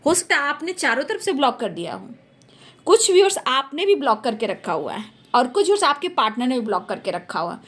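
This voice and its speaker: A woman's voice: high-pitched, sing-song, a little fast, a bit bright. A woman doing a tarot reading for her viewers, talking emphatically and repeating phrases for stress. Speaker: tarot reader.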